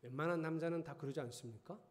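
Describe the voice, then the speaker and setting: A middle-aged man preaching in a church sanctuary, relaxed and conversational, often teasing his listeners with questions. His voice sits somewhat high for a man. Long reverb from the hall follows him. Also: fast. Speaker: pastor. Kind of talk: sermon.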